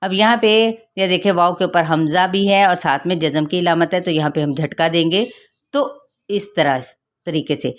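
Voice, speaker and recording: Woman, tajweed teacher, slightly low voice, patient step-by-step explaining. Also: fairly even intonation. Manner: slow, drawn-out melodic recitation of verses. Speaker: Quran recitation teacher. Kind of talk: tajweed lesson, recitation then explanation.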